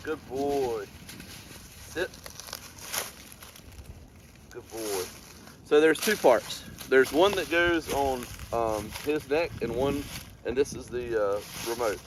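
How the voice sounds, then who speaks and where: Guy training a dog outside, explaining as he goes, normal pitch, windy noisy outdoors. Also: slow pace, pauses often. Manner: explains steps while giving dog commands.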